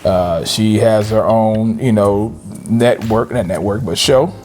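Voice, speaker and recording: A man co-hosting a couples' ministry channel, chatting in a lively, teasing way. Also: lowish voice, takes it slowly, faint music behind. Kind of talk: casual chat.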